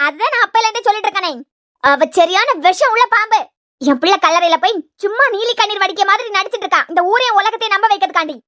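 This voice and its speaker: A woman's voice: very high voice, quick pace, pushed and bright. A woman voicing a bitter, accusing aunt. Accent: Kanyakumari Tamil. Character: bitter middle-aged aunt, vengeful. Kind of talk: cartoon serial voice acting.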